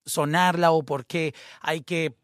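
A man's voice: a little high, steady tone, slow, dry recording, studio quality. A man hosting a casual interview, asking thoughtful, probing questions. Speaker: podcast host.

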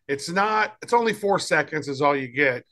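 A man with a bright, forward voice pitched a little high, talking casually as a podcast co-host. He wanders and restarts his sentences while showing things on screen. He sounds like he is on a video call. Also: animated, moderate pace. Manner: chatty, loose, trails off and restarts. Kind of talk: casual chat demoing tools.

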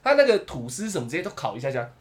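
Brief: young man with a Taiwanese Mandarin accent, fairly high voice, lively pitch, swears casually in animated storytelling. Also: very fast, a crowd in the background. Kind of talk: casual chat.

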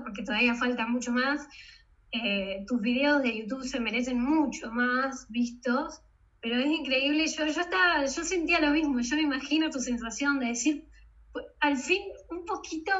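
A woman's voice: sits high, muffled recording. A woman in her twenties with an Argentine accent, chatting effusively as a podcast guest. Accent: Argentine Spanish. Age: 20s. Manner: effusive, animated storytelling. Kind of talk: casual podcast conversation.

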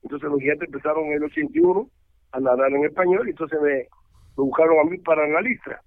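An older man, a former ballplayer turned baseball analyst, telling stories in a rambling, animated way with many restarts. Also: on the high side, quick pace, vocal fry, no echo. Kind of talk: casual interview over the phone. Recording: tinny phone line, dry.

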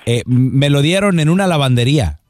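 A man's voice: medium pitch, lively intonation, normal speed, background noise, lightly acted. An actor playing an American man who speaks Spanish with a Spain accent, complaining and pleading. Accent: Spain Spanish put-on.

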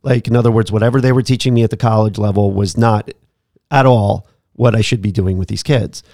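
A man hosting a podcast, telling a story about his teaching days in a casual, animated way with frequent laughs and restarts. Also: on the low side, fairly quick, no room sound, studio quality. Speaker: podcast host, former teacher.

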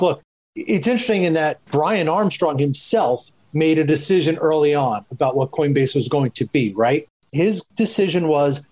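A man, a journalist, speaking thoughtfully on a panel discussion, often pausing with asides. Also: on the high side, darkish tone, low-quality recording. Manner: reflective, hedging with asides. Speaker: journalist guest.

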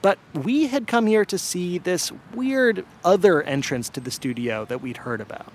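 A man's voice: high-pitched, normal speed, slight background noise. A man hosting a radio show, narrating a story in a scripted, storytelling way. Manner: lively, storytelling delivery.

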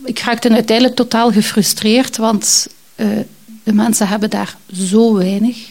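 Woman recalling a trip, soft mellow tone, fairly high voice, lots of ehms. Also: flat delivery, measured pace. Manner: reflective, hesitant, many fillers. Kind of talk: personal storytelling.

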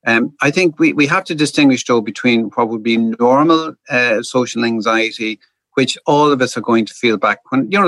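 A man at mid pitch, a doctor, answers interview questions in a very dry, close recording. He halts often, with frequent "uh"s and repeated words. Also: fairly bright tone, no room sound. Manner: hesitant, many "uh"s and repeated words. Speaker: doctor, podcast guest.

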